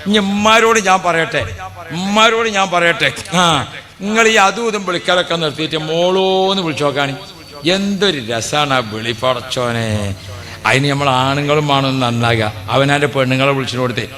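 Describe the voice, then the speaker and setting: A male preacher delivers an animated sermon in a high, bright voice. He tells stories, asks rhetorical questions, and acts out quotes. His voice rings through a reverberant hall. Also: moderate pace. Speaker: Islamic preacher.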